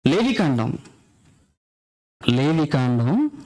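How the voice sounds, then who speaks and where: A man preaches a sermon in a voice on the high side, very animated and a little mellow, firing off rhetorical questions and repeating phrases for emphasis. He shifts between quick explanation and slow, drawn-out scripture reading, and the recording quality is low.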